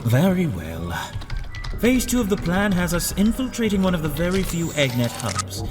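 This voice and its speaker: A man's voice: high-pitched, big pitch swings, normal speed. A man voicing a vain, scheming villain doctor in a comic dub, with pompous, theatrical, articulate delivery. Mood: condescending. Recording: music behind the voice.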